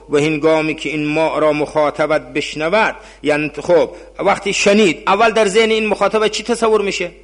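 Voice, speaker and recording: A man's voice: on the high side, a bit bright. A man teaching a class. He reads out Arabic phrases, explains them in Persian and puts questions to his students. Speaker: seminary teacher.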